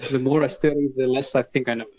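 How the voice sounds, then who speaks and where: A man's voice: mid-range voice, fairly even intonation, quick pace, darkish tone. A young man from Iceland, a native Icelandic speaker, talking in a hesitant interview style and often repeating words while he searches for them. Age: young adult. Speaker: guest, folklore student. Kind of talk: casual interview conversation. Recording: dull lo-fi audio.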